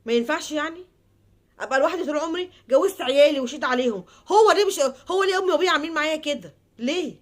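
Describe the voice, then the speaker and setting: An Egyptian woman speaking in a heartfelt, pleading monologue before giving advice, repeating herself and trailing off into soft murmurs. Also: high voice, expressive, rapid-fire. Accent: Egyptian Arabic. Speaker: advice vlogger.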